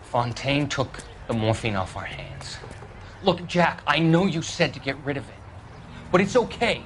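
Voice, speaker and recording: Nervous American suspect, high-pitched and pleading. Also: male voice, animated, a little slow, fairly bright tone, a little hiss or hum. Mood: defensive, earnest. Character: nervous young male suspect, defensive, pleading, naive. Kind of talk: dramatic video game acting.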